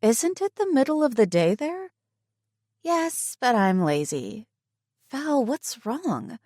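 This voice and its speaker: A woman reading an audiobook, voicing a caring, sleepy young woman who fires off quick worried questions to her best friend. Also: fairly high pitch, big pitch swings, a little mellow, dry recording, studio quality, pitched above the performer's own voice, full character voice. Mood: concerned. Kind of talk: audiobook character voice.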